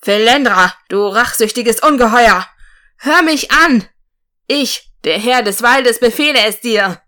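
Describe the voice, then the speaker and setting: A woman's voice: lowish voice, steady tone, normal speed, a bit bright, natural voice. A woman voicing a brave, earnest male forest warrior in a storybook reading. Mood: commanding. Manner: earnest, solemn speech.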